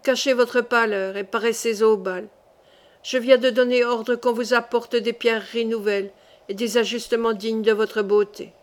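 A gentle, resigned young king near death, pleading softly and earnestly, as a woman reads him aloud in a storybook. The voice sits fairly high and stays close to a plain reading voice. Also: flat delivery, moderate pace, natural voice.

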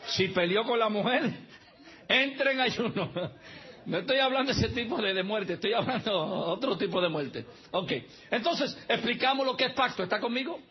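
A man's voice: high voice, expressive, normal speed, dull audio. A man preaching a sermon as pastor, mixing humorous asides with teaching and spelling out words letter by letter.

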